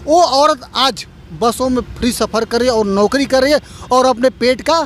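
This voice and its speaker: A man's voice: very high voice, normal speed, slight background noise. A man in a heated street debate, earnestly pleading his case against the other side.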